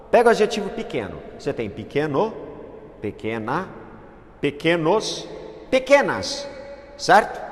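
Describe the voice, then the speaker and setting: Animated man teaching in an echoey room. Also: high voice. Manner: animated, exclamatory, emphatic. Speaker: English teacher. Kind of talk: classroom grammar lesson. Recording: echoey room with long reverb.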